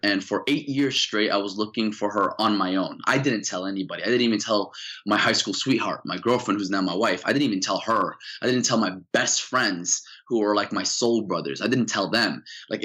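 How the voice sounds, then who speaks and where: A young man, originally from Saudi Arabia, telling his life story as a guest in a casual interview, earnest and full of fillers. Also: on the low side. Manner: earnest, animated, many fillers. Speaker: podcast guest.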